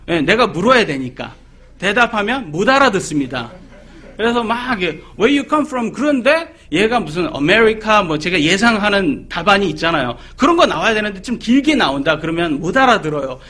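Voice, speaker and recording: Male preacher, middle-aged, high and husky voice, animated sermon delivery with questions to the congregation. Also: normal speed. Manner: animated, asks the audience questions; acts out quoted people in voices.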